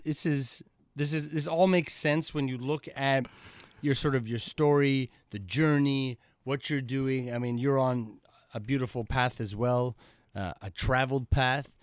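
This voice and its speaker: A man hosting a football interview show in a studio, excitable and rambling as he introduces and questions his guest. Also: a little slow, dry recording. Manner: excitable, rambling introductions with big pitch swings. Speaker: podcast host. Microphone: studio microphone.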